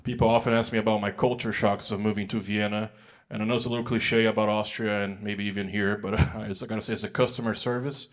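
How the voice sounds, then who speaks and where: Here a young American man performs stand-up in a large music hall. His lowish voice barely moves in pitch and comes out fast as he loosely spins stories, dropping in filler words and performing the quoted lines.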